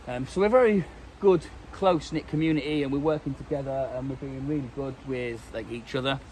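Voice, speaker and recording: Out in the woodland, a British man with a blocked-up cold chats for his vlog at a fairly quick pace, wandering off track with many ums and restarts. His mid-range voice is a little mellow, and the audio is poor with slight background noise.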